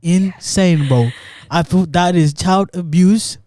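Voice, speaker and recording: A young man from Africa trading stories in loose, profanity-laced slang, wandering from point to point. His voice sits a touch high for a man. The sound is close and dry, with no room around it. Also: takes it slowly, mellow, dry recording. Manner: slangy and profane, rambling storyteller. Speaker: podcast co-host. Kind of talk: casual chat.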